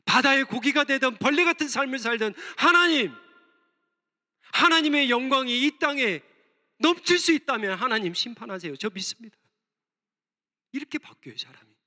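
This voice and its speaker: Pastor, male, high bright voice preaching with passion in a church hall with long reverb. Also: expressive, moderate pace. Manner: impassioned, voicing prayers aloud, rising and falling sharply. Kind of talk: sermon. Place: church sanctuary.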